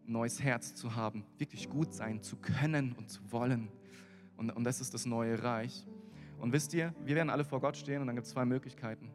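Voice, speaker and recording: A man preaching a sermon in an earnest, conversational way, speaking directly to his listeners. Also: mid-range voice. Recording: echoey hall with music behind.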